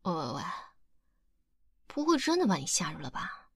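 A woman's voice: fairly low pitch, wildly swooping pitch, moderate pace, vocal fry, slightly rough, no echo. A young woman whispering close to the mic in an ASMR roleplay, playing a coaxing, teasingly possessive partner.

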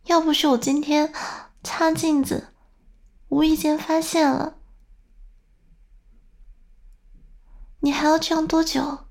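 A woman's voice: high-pitched, little pitch movement, normal speed. A young woman playing a stern but doting older sister who scolds and coaxes the listener, in a whispered role-play. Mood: disappointed. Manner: scolding, then coaxing softly.

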